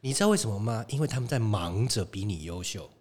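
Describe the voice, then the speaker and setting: Male podcast guest, Taiwanese Mandarin accent, animated swings of pitch, outspoken. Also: fast talker. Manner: animated, frank, laughs often, mimics critics. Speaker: podcast guest, fitness competitor. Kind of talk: casual podcast chat.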